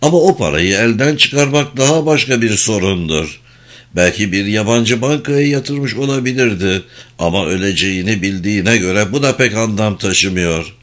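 A man reading a calm, firm lawyer. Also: on the low side. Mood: measured. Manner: measured, patient, explanatory. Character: calm, firm middle-aged male lawyer executor. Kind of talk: audiobook character reading.

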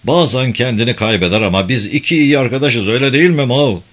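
A man reading the lines of a nervous older brother in a crime family, trying to smooth things over. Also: mid-range voice, quick pace, a bit bright, voice pushed up, lightly acted. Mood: placating. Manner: nervous and pleading.

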